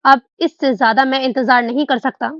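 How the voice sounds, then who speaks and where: A man's voice: very high voice, fairly even intonation, normal speed, fairly bright tone, no echo. A woman voicing a cold, unbending rich young man who talks bluntly. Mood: curt. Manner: blunt, curt. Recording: dull dry recording.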